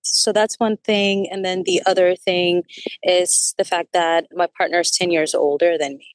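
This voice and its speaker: A woman's voice: fairly low pitch, level tone, normal speed, no echo. A woman in her thirties from the United States, speaking hesitantly as a coaching client and searching for her words. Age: 30s. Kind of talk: personal conversation.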